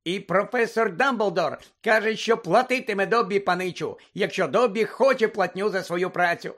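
Dobby, a man doing a squeaky eager house-elf. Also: a bit bright. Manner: talks of himself in third person, keeps saying "sir". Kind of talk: audiobook character voice.

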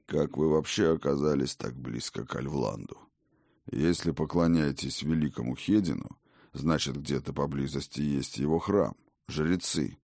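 A man reads the part of an ancient, imperious god-king with a very deep, gravelly voice. He speaks slowly and commandingly, his pitch swinging widely. The sound is close and dry. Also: darkish tone, no room sound, full character voice. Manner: commanding, slow and rumbling. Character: old male god-king, imperious and hearty. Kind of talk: audiobook character reading.

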